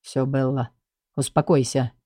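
A woman voicing a stern aristocratic male guardian who sounds worried and gruff. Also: moderate pace, darkish tone, no echo, clean studio sound, close to an everyday voice. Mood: soothing. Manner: low, gruff, urgent.

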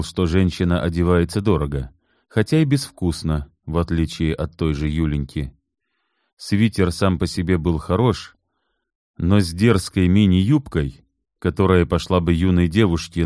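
A man reads an audiobook in a measured, even manner, his voice very low and dark in tone. The recording is dry and close, with no room sound at all. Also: no echo. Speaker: audiobook narrator. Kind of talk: scripted narration.

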